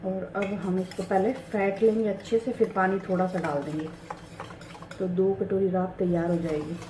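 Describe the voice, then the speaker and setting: A woman in her thirties narrating her daily home chores in a soft, hushed voice-over, chatty and confiding. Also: medium pitch, fairly even intonation, moderate pace, noisy background. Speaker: home vlogger. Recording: roomy home voice-over with faint ambience.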